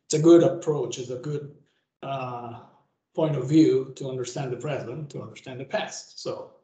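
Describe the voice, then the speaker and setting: A man in his fifties, speaking at a middling pitch as a guest lecturer. His talk wanders and loops back on itself, and his voice rings around a roomy, echoing space over a video call. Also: normal speed, warm tone. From Venezuela. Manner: rambling, with frequent self-restarts and tag "okay?". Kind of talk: conversational lecture. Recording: roomy echo.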